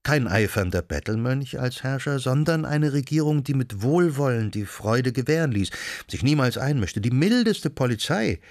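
A man's voice: medium pitch, expressive, normal speed, dry recording, pitched above the performer's own voice, natural voice. A man voicing a young woman in an audiobook, gushing with rhapsodic enthusiasm. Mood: rapturous. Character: young woman rhapsodizing about her city.

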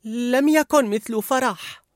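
A man's voice: very high voice, measured pace, dry recording, studio quality, pitched above the performer's own voice. A man voicing the nervous male emotion Fear, stammering and panicky.

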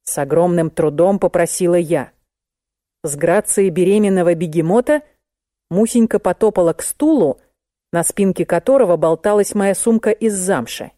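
A woman reading a comic novel aloud in the first person, with a lively and ironic storytelling manner. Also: lowish voice, normal speed, no room sound, clean studio sound. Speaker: audiobook narrator. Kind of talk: expressive audiobook narration.

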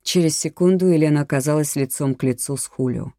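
Mellow, dry-voiced audiobook narrator. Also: medium pitch, fast talker, no echo. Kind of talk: scripted thriller narration.

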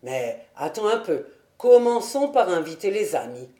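A woman voicing a jovial, generous man who calls out loudly, read for a storybook recording. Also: lowish voice, very animated, a little slow, echoey room. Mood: hearty. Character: jovial hearty bachelor host, generous man.

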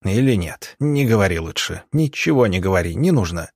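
A man voicing a gruff, blunt aging army lieutenant who talks in hoarse, clipped, barking phrases, in a dry recording. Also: low voice, animated, fairly quick, darkish tone, no room sound.

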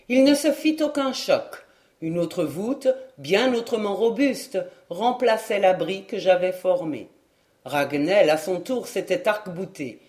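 Slow, measured audiobook narrator. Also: medium pitch. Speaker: audiobook reader. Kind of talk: first-person literary narration.

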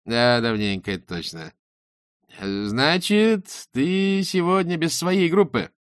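A man's voice: fairly high pitch, expressive, slow pace, no room sound, clean studio sound, voice pushed up. A man playing a stammering, flustered pop judge. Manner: hesitant, stammering.

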